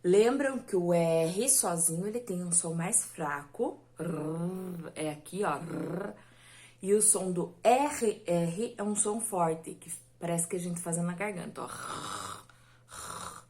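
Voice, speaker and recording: Woman teacher, unhurried, patient with young pupils, draws words out slowly. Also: on the low side, dark tone. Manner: slow, patient, stretches words syllable by syllable. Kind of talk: recorded lesson for children.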